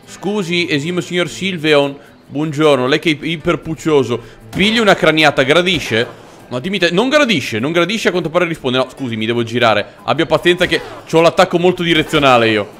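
A man hosting a let's play, giving excitable gameplay commentary, swearing a lot and chatting with the creatures on screen. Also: fairly quick, soft background music. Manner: jumps into squeaky cooing over cute creatures. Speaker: gaming channel host.

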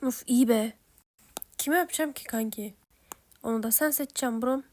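A woman voicing a casual role-play story with chatty slang and quick banter. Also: a little high. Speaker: role-play narrator voicing all characters.

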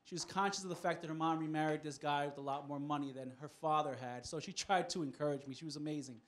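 A man's voice: fairly high pitch, fast talker. A man from New York doing a stand-up comedy set, talking conversationally and making asides to the audience.

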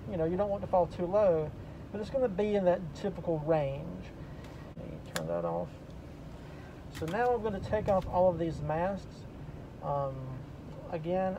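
A man with a fairly high voice speaks through several layers of face masks, so his words come out muffled. He talks in a plain, matter-of-fact way, walking the viewer through each step, while vehicle noise hums clearly behind him. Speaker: delivery driver vlogger. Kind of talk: casual vlog talk to camera. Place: inside a parked delivery vehicle. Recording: noisy vehicle ambience.

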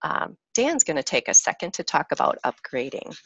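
A woman moderating a webinar, reading out audience questions briskly. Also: deep voice, big pitch swings, a bit bright, slightly rough, dry recording, low-quality recording.

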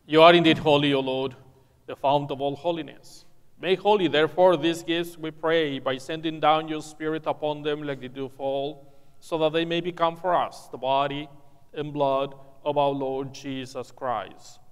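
A man leading prayers at Mass as priest, reciting in a solemn, measured way, with a cathedral echo around his voice. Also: on the high side, steady tone, clean tone. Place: large church. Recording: long echoing church reverb.

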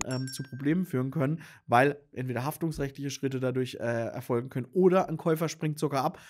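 A man's voice: on the high side, a little mellow. A man who runs a business consultancy, explaining earnestly and addressing the viewer directly, with frequent fillers and restarts. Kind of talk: explainer monologue to camera.

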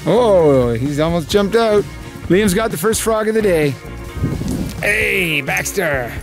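Over music, a man in his forties with a high voice, lively intonation and some vocal fry takes his time narrating a casual family camping vlog. He's a vlogger dad at a wooded outdoor campsite, camera held at arm's length, joking and playful as he goes.

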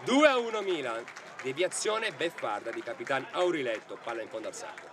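A man's voice: mid-range voice, sing-song, brisk. A man giving breathless, urgent play-by-play goal commentary in clipped, repeated phrases. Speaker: football match commentator. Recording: outdoor crowd and ambient noise behind. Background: outdoor football crowd.

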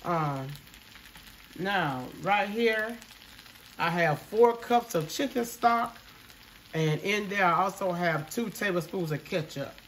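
A congested man narrating a casual cooking video from his home kitchen, relaxed and chatty, talking to viewers as y'all. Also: high-pitched, takes it slowly, a little hiss or hum. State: congested, coughing. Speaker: home cook.

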